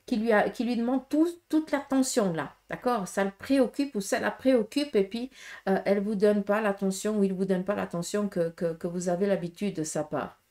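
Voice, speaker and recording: Her voice mid-range and dark, a Swiss French tarot reader talks straight to viewers at a moderate pace during a casual reading. She's frank and to the point, leaning on fillers and often tacking on "okay?".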